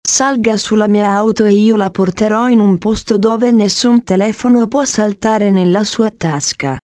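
A woman reading the lines of a calm, wry male police officer in a storybook, with a mild, even delivery. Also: medium pitch, normal speed, dry recording, lightly acted.

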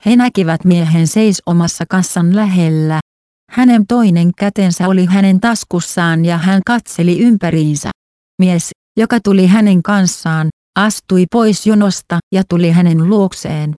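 A woman reads a story aloud in a calm, even way. Her voice sits on the low side, and the recording is dry and close, with no room sound. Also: dry recording. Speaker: narrator. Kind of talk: storybook reading with character voices.

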